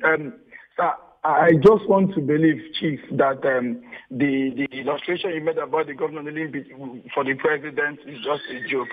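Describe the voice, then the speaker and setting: A man's voice: on the high side, slightly rough. A man with a Nigerian accent calling in to a radio talk show over the phone, speaking earnestly and repeating himself. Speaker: radio caller. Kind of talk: call-in comment. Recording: tinny phone line.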